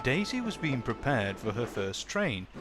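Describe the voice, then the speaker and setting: A man narrating a children's storybook in a plain, steady way. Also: medium pitch, a little slow, over music.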